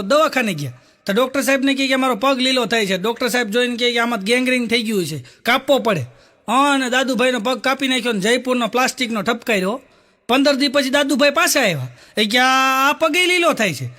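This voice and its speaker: A man's voice: extremely high pitch, fast, sharp tone. A man telling stand-up comedy stories in a sing-song, repetitive way. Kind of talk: stand-up storytelling.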